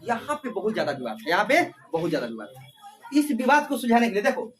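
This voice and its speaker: A man's voice: high-pitched, huge pitch swings, quick pace, recorded from a distance, slight background noise. A male teacher with a Bihari Hindi accent, lecturing a large class and repeating questions for the students to chant back. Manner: repeats questions and drills answers loudly. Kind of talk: classroom lecture with call-and-response. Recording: crowd of students around. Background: class chanting answers.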